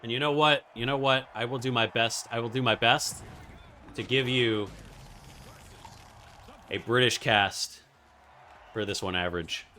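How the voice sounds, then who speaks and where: A man streaming and casting an esports match, giving away codes and calling the plays with excitable play-by-play. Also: medium pitch, a little slow, pauses often, slight background noise. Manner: excitable play-by-play, rising to shouts. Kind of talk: live game commentary.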